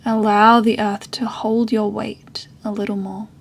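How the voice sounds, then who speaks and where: A woman leading meditation keeps her pitch remarkably level and her delivery slow, pausing at length. She teaches yoga and meditation, and her voice comes across soft and breathy.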